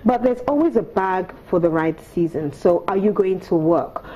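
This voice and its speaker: A studio guest on a morning TV program, this etiquette coach is a Nigerian woman in her thirties who speaks from the sofa set in a prim, exact, teaching manner. Her low-leaning voice is animated, mellow and husky at a moderate pace, though the audio sounds dull.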